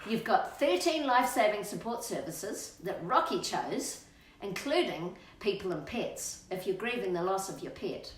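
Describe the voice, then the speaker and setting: A middle-aged Australian woman with a fairly low-pitched voice sits on a couch at home, leading a chatty children's storytime and talking to the kids and her dog. Her manner is playful and coaxing, full of sing-song questions. The distant microphone picks up a roomy echo.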